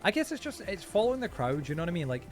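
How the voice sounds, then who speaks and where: A man's voice: high-pitched, sing-song, very fast, soft background music. A man chatting casually on a gaming livestream in a rambling, nonstop stream of informal, slangy talk to his viewers. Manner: informal, slangy, often addressing viewers as bro, man, dude.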